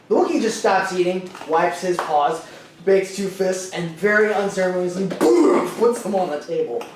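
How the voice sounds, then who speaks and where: A man running a tabletop role-playing game as game master, narrating in a rambling, animated way. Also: on the high side. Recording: echoey room, from far off, noisy.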